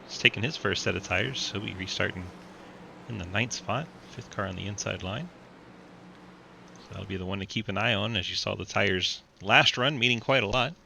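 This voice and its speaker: A man's voice: lowish voice, normal speed, vocal fry, pushed and bright, a little hiss or hum. A man doing play-by-play commentary for an online sim race, calling positions and laughing often.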